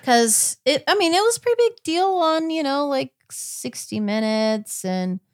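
A woman hosting a podcast chats casually while recapping a court case, often hesitating and correcting herself. Her voice is high-pitched and animated, a little slow, recorded cleanly in a studio with no echo.

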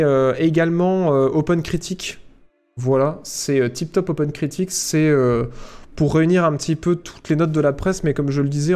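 Male streamer, slightly high voice, chatty and playful with viewers, soft music bed behind. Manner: chatty and playful, tosses in sound effects like "paf" and "bam". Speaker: livestreamer answering chat. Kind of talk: casual livestream chat.

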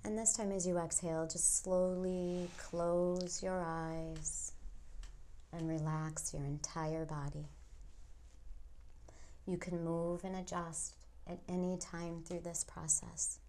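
A woman guiding a hypnosis induction as a hypnotist, speaking in a soft, soothing near-whisper with long pauses. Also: lowish voice, little pitch movement, a little hiss or hum. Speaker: hypnotist guiding a relaxation session.

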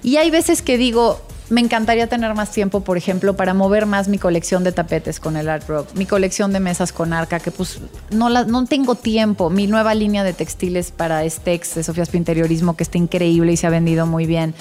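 A Mexican woman with a fairly low, slightly mellow voice and a Mexican Spanish accent answers interview questions conversationally. Speaking briskly with hardly any pauses, she sounds reflective and enthusiastic about her interior design work. Faint music plays in the background.

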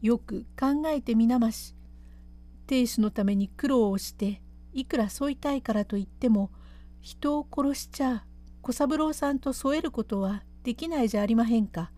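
A woman reading as an anxious attendant from an old pleasure house, pleading and coaxing in courtesan speech, her voice pitched a little high. The tone stays mellow and dark, hushed and urgent, as in a classic told tale. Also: normal speed, lightly acted. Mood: pleading, alarmed.

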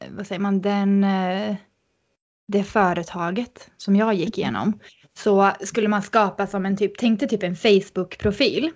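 A woman guest on a podcast, telling a story in an animated, casual way with many fillers. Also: mid-range voice, muffled recording.

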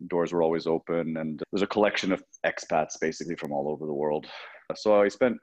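A man's voice: very deep voice, a little fast. A man from Lebanon in his thirties, a podcast guest telling his story in a reflective, casual way with frequent restarts. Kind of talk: casual interview talk. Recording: slightly dull lo-fi sound.

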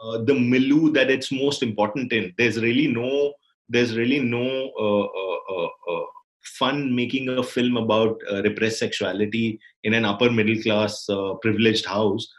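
A man's voice: medium pitch, steady tone, normal speed, rough recording. A man with an Indian accent in reflective conversation, searching for words and repeating phrases as he thinks. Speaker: filmmaker.

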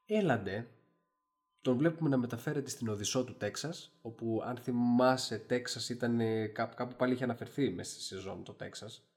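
A man's voice: mid-range voice, a little mellow. A man co-hosting a casual discussion podcast, retelling a story animatedly, with frequent fillers and restarts. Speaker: podcast co-host.

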